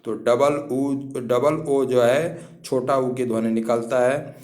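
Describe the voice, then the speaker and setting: A man's voice: medium pitch, fairly even intonation, slow, a little mellow. A man teaching English pronunciation in an online lesson, spelling out words letter by letter.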